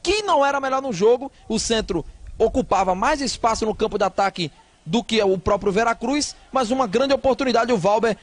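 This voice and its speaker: A man's voice: very high voice, brisk, no room sound. A man giving live football analysis, emphatic and repeating his phrases.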